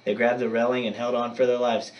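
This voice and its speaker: A male teacher reading a children's chapter book aloud to his class, with dramatic, expressive storytelling. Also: medium pitch, fast talker, recorded from a distance, lo-fi sound.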